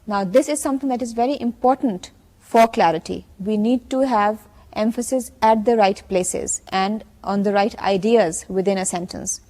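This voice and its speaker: A woman's voice: medium pitch, dark tone. A woman university lecturer, explaining points in a recorded distance-learning lecture. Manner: explains slowly, switching into fast Urdu asides.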